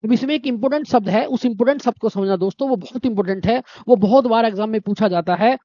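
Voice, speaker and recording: A man's voice: high-pitched, quick pace, dark tone, no echo, lo-fi sound. A male teacher giving an exam-prep grammar lesson, repeating answers and quizzing the viewer with rhetorical questions.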